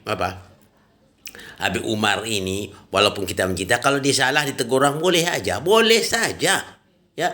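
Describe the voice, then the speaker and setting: A man's voice: medium pitch, sharp tone. A man giving an informal religious talk, emphatic and colloquial, with frequent "ya" and "nah" tags. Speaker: religious preacher.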